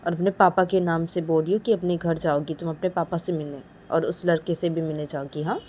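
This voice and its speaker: A woman voicing a suspicious young woman who nags and accuses in a low, quiet voice, ending her sentences with a questioning "haan?". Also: steady tone, fairly quick, a little hiss or hum, natural voice. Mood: accusing. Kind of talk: one-woman voiced romance story.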